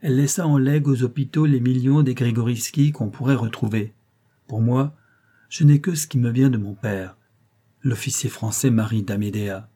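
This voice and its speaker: A man's voice: mid-range voice, steady tone, normal speed, mellow, close to an everyday voice. A man reading a proud, loving hidden princess. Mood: earnest. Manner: solemn, declamatory. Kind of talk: audiobook reading.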